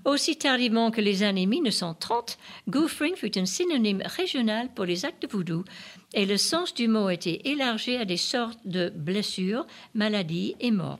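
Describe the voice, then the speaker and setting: A woman co-hosting a radio programme, laying out background information in a measured, explanatory way. Her voice sits mid-range and she pauses now and then with fillers. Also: mid-range voice. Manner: explanatory, deliberate, some fillers. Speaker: radio co-host. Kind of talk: radio music talk show.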